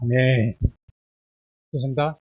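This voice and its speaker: A man delivers a Sunday sermon from a church pulpit, his voice weighed down by a heavy cold and fever. He peppers the listeners with rhetorical questions, swinging between forceful emphasis and quiet asides, at an ordinary pitch for a man. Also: steady tone, slow pace, breathy edge, narrow, tinny audio. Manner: preaches with many rhetorical questions, swings from loud to hushed. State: has a bad cold with fever. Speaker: pastor. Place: church sanctuary.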